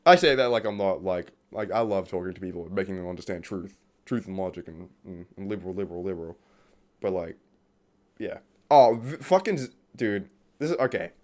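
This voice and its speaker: A man's voice: low-pitched, lively intonation, fairly quick, darkish tone. A man ranting off the cuff in a profane, exasperated way, laughing at times and reading from his notes as he talks. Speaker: vlogger. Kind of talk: unscripted rant about a TV series.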